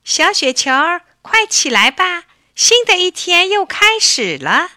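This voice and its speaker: 女士扮演的温柔耐心的猫妈妈. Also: female voice, fairly high pitch, sing-song, slow, dry recording, clean studio sound, exaggerated voice. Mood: coaxing. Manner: gentle, coaxing. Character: patient loving mother cat. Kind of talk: storybook reading.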